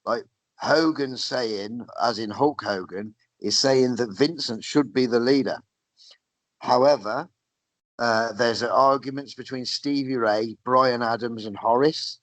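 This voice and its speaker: A man's voice: medium pitch, unhurried, dry recording, poor audio. A man, a podcast co-host chatting casually, sarcastic and sweary as he recaps a match. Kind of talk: casual chat reviewing wrestling.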